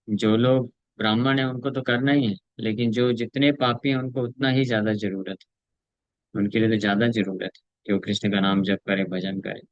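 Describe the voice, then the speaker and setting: Low-voiced Indian man teaching scripture. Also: dry recording, highs cut off. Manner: chants verses slowly, then explains in a measured teaching tone with fillers. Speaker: spiritual teacher. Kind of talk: scripture class, reading Bengali verses then explaining in Hindi and English. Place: temple lecture room.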